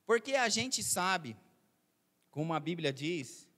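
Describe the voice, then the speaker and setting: A man's voice: high voice, sing-song, takes it slowly, sharp tone. A man preaching as a pastor, talking to his church in a conversational way full of rhetorical questions. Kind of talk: sermon. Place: church hall. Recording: reverberant church hall.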